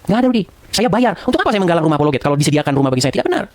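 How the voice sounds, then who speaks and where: A man rattles off a rebuke to camera, saying the scolded person's name again and again. The voice is high yet darkish in tone and very animated, rising higher as he pushes each point; the sound is close and dry, without any room echo.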